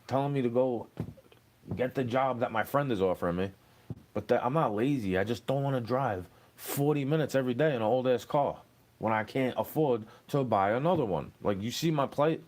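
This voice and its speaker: A man's voice: mid-range voice, brisk, a little mellow. A young man, rambling and cursing as he answers questions in a street interview. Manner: rambling, profane, aggrieved.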